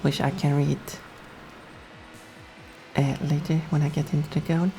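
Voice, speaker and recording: With a low, level, warm voice touched by vocal fry, a young Swedish streamer keeps a measured pace as she plays a racing game. She chats casually with viewers in her Swedish accent and laughs frequently. Soft background music accompanies her.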